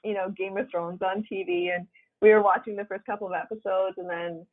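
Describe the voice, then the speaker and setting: Woman author guest, lively storyteller with leaps in pitch, heard over a tinny phone line. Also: brisk. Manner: animated storyteller, acts out quotes with big pitch jumps. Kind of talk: casual interview chat.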